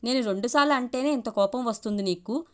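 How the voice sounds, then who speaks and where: A woman's voice: fairly high pitch, fast, natural voice. A woman voicing a cocky young man who taunts and argues smugly in a story reading. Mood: taunting. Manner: taunting, smug, long argumentative speeches.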